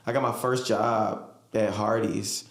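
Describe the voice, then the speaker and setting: A man in his thirties from Virginia, co-hosting a podcast in a relaxed, chatty way with many fillers. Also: lowish voice, unhurried, gravelly. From Hampton, Virginia. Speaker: podcast co-host. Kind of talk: casual chat. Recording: echoey room.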